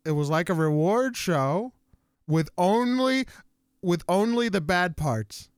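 An energetic young man rants in a casual chat, his high voice leaping all over the place and slipping into exaggerated impressions of other people. The sound is dry and close, with no room around it. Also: takes it slowly, smooth, no echo. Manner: animated, ranting, with exaggerated quoted voices.

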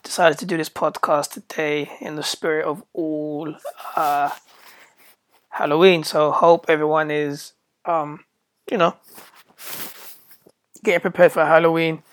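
A British podcast host with a slightly hoarse voice after an illness, chatting casually in a rambling, slangy way and often stumbling over and repeating words. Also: mid-range voice, little pitch movement, a little slow, long pauses.

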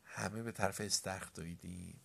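Lively male storybook narrator. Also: low-pitched, creaky. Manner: animated, raises his voice for shouts in the story. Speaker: audiobook narrator.

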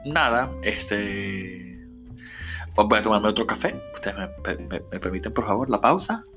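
A chatty young man with a Venezuelan accent, telling a story straight to his listeners from home. His pitch swings in an animated way and his voice is bright. Soft guitar music plays faintly behind him. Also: measured pace. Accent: Venezuelan Spanish. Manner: chatty, expressive, swears freely, often addresses listeners as "mi amor". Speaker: vlogger telling a personal story. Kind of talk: casual storytelling monologue.

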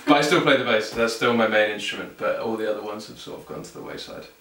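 A man's voice: fairly low pitch, fast talker, vocal fry, noisy background. A young man with a southern English accent, chatting informally and a little hesitantly as an interview guest. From England, South London and Surrey. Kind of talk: casual chat interview. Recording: echoey room, distant mic.

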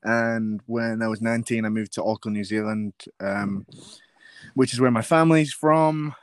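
A man's voice: fairly low pitch, steady tone, normal speed, clear, resonant tone, no room sound. Wry young Yorkshire man chatting. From England. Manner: wry, self-mocking, laughs often. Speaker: podcast co-host. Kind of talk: casual chat.

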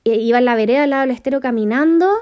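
A woman's voice: fairly high pitch, rapid-fire, a little mellow. A woman with a Chilean accent telling a story in casual chat, full of slang and swearing.

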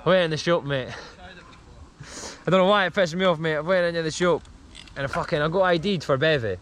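A man's voice: fairly high pitch, fast, noisy background. A young Scottish man hosting a casual podcast chat, talking loosely and swearing, with bro and mate in nearly every sentence. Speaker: podcast host.

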